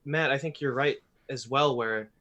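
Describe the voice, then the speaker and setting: A man hosting a podcast in casual chat, animated and blunt, swearing freely. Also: medium pitch, normal speed, lo-fi sound. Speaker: podcast host.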